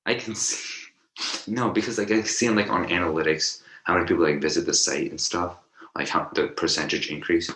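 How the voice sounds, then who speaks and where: A man's voice: sits low, steady tone, brisk, bright, forceful tone, rough recording. A young man co-hosting a casual podcast chat, rambling through his thoughts with lots of fillers and restarts. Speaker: podcast co-host.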